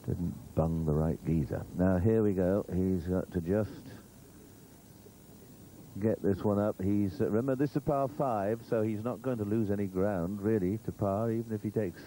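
A man's voice: on the low side, steady tone, normal speed, mellow. A male golf commentator giving conversational live commentary, rambling along with humorous asides. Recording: noisy old TV broadcast audio.

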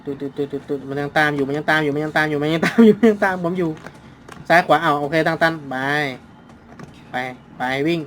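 A man hosting a horror game let's play, talking to himself as he plays. He is excitable and swears casually. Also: fairly high pitch, fast, slight background noise. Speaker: gaming channel host.

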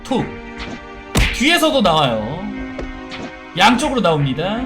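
A man from South Korea talking through a sponsored mobile game playthrough, chatty and breaking into excited shouts as battles heat up. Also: sits high, unhurried, over music. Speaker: game streamer.

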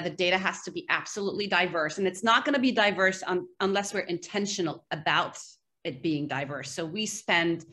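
A woman's voice: lowish voice, a bit bright. Earnest woman on a video call. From Egypt. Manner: earnest, fluent, many fillers like "you know". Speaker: panelist, AI scientist. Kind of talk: virtual panel talk. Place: home room, indoors.

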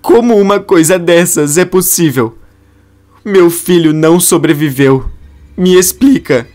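A distraught mother, crying and pleading in a shrill, strained voice that climbs high above a man's normal range, as a male narrator puts her on. She sounds like a figure in a dramatized soap opera recap, read quickly. Faint music plays underneath. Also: darkish tone. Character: distraught middle-aged mother sobbing for lost son.

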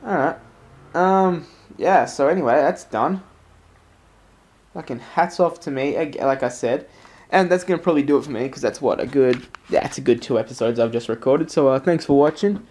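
A man's voice: mid-range voice, moderate pace, darkish tone. A man hosting casual gameplay commentary in a sweary, self-deprecating way. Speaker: gaming host.

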